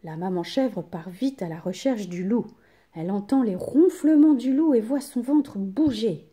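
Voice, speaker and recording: A woman reading a children's fairy tale aloud in an unhurried, expressive way. Her voice is warm and mellow, sitting a little high. The pitch rises and falls lively through each sentence. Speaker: storyteller.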